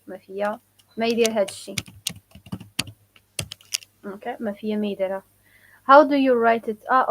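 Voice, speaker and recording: Lady doing a live language lesson, kinda high voice, says words over and over for viewers. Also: background noise. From Morocco. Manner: casual, repeats phrases slowly for learners; answers viewer questions. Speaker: Moroccan Arabic teacher.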